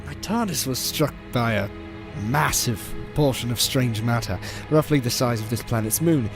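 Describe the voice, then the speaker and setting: A man's voice: medium pitch, lively intonation, normal speed, close to an everyday voice. A man playing a smug, cruel alien megalomaniac in an audio drama, theatrical and disdainful. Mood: bitter recounting. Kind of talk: audio drama villain acting. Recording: fan audio play under loud music.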